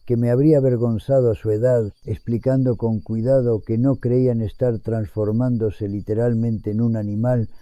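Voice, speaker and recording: An elderly man around a hundred years old narrates a scripted, reflective story in a solemn, measured manner. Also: mid-range voice, warm tone, no echo. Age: 100. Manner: solemn, measured, literary phrasing.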